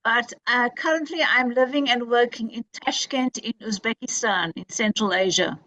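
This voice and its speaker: A woman's voice: fairly high pitch, moderate pace, bright, forceful tone, rough recording. A woman from South Africa, a teacher, speaking upbeat over a video call.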